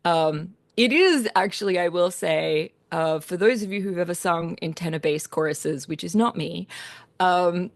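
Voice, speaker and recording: A woman's voice: on the low side, a little slow, vocal fry, no echo. Chatty Australian woman, dry close sound. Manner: chatty, self-deprecating, frequent fillers. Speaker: composer. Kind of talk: casual talk to a choir.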